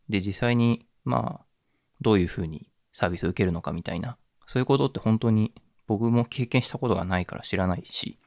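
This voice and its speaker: Male podcast host, lowish voice, dry close mic, thoughtful and rambling. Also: a little mellow, no echo. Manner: reflective, musing, many fillers and restarts. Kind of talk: casual solo podcast talk.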